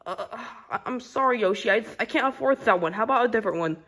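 A woman plays a grumpy, penny-pinching male caretaker who stammers and grumbles as he talks. The voice is fairly high and rises and falls a lot, in a plush toy comedy video. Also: lively intonation, fast talker, fairly bright tone. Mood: reluctant.

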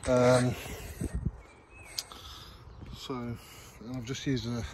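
His mid-range voice barely moves in pitch, and he draws out his words. A man in his thirties rambles through a casual, self-mocking vlog from an allotment garden with plenty of ums, recorded on a nearby phone camera amid outdoor noise.

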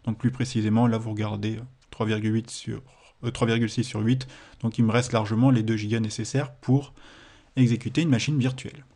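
A man's voice: lowish voice, steady tone, a little fast, darkish tone. A man with a French accent, explaining a computing exercise in a screen-recorded tutorial, with hesitations and self-corrections. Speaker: teacher.

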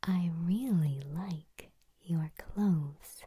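A young woman gives an ASMR whispered role-play in a soft bedside voice. Her whisper is breathy and dark, unhurried and soothing. She sits very close to the microphone. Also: lowish voice. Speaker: ASMR host leading vocal warm-ups. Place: small room at home, indoors. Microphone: close to the mic, leaning in.

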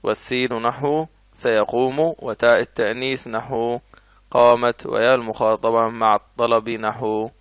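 A man's voice: medium pitch, flat delivery, clean tone, dry recording. Egyptian male teacher repeating examples. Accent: Egyptian Arabic. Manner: repeats examples slowly, asks and answers own questions. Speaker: Arabic grammar teacher. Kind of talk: explanatory lesson.

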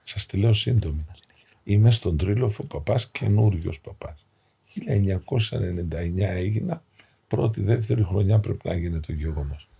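A middle-aged man, an Orthodox priest, telling a moving story as a guest on a podcast, acting out the dialogue and sinking to hushed tones. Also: sits low, expressive, gravelly, breathy edge. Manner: acts out dialogue in shifting voices, drops to hushed tones. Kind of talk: emotional storytelling in a podcast interview. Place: podcast studio, seated on a sofa.

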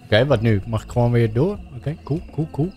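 Animated Dutch streamer man. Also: medium pitch, brisk, soft background music. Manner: chatty, reads on-screen text aloud, jokey asides. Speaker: gaming streamer. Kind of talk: live let's play commentary.

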